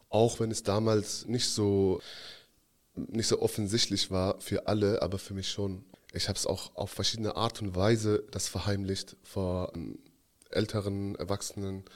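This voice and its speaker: A young man from Afghanistan, a podcast guest telling his story in a hesitant, reflective way with many fillers. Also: sits low. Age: 20s. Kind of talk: casual interview talk.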